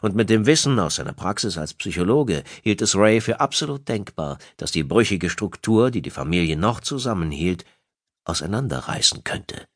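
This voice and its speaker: Deep, expressive male audiobook narrator. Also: normal speed, no room sound, clean studio sound. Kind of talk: scripted narration.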